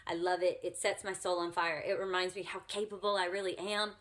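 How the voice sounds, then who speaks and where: A woman's voice: on the low side, little pitch movement, a little fast. A woman guest blogger answering interview questions earnestly on a remote call, with many fillers and repeated words, growing tearful as she speaks. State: tearful, crying.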